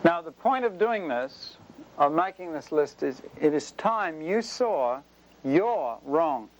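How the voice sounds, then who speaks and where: A man's voice: a little high, animated, takes it slowly, lo-fi sound. A man preaching a sermon in an earnest, conversational way, now and then speeding up playfully.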